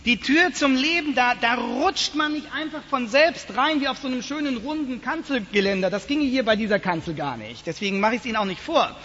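A man preaching a sermon to his congregation in a church, telling stories in a lively, animated way. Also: extremely high pitch, brisk, few pauses, a little hiss or hum. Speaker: pastor. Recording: dull lo-fi sound, long church reverb.

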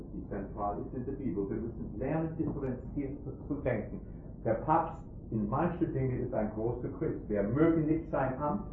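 A man preaching a sermon with emphasis, quizzing his listeners with rhetorical questions in halting, ungrammatical phrasing. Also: medium pitch. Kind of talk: sermon to a congregation. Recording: tinny phone-like lo-fi recording, faint hiss.

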